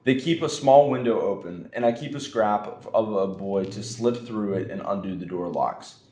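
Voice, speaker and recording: Threatening brutish robber, snarling, fairly low, as a man reads him; roomy echo. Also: moderate pace, mellow, lightly acted. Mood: menacing. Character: menacing brutish male robber.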